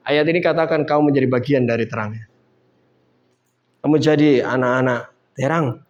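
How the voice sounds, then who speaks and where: A man's voice: high voice, a bit bright. A man preaching a sermon in a casual, conversational way, building up to emphatic points. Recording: dull lo-fi sound.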